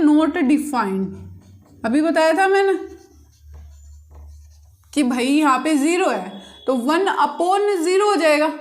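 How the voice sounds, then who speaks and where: High-voiced woman teaching maths. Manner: asks the class questions and answers them herself; patient, repetitive step-by-step explaining. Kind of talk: blackboard-style maths lesson.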